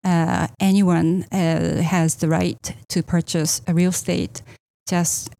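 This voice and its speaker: Japan-born female realtor, middle-aged, hesitant and filler-heavy, dark tone. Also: lowish voice, level tone, slow, creaky, no room sound. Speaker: real estate agent. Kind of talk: interview answers.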